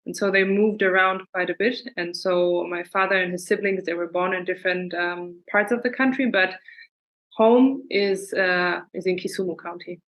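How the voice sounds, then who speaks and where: A young woman raised in Germany, answering interview questions in a thoughtful, measured and friendly way over a video call. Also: fairly low pitch, steady tone, a bit bright, rough recording. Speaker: guest, fencer.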